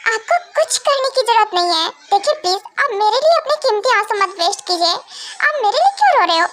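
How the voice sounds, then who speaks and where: A woman plays a defiant young bride in a homemade fan drama. Her voice is very high and bright, and she speaks in a cold, curt, dismissive way. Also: very animated, fast, slight background noise, exaggerated voice. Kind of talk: amateur Hindi fan drama.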